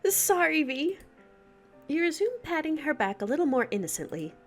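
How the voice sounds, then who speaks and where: A woman hosting a let's play, reading a visual novel aloud with animated, giggly asides. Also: high voice, quick pace, faint music behind.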